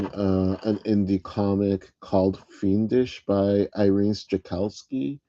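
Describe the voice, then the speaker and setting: Slightly wheezy, gravelly man chatting on a livestream. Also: lowish voice, mellow. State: recovering from bronchitis. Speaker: livestream host, comic artist. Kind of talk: casual livestream chat. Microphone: old headset. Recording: dull headset audio with noise.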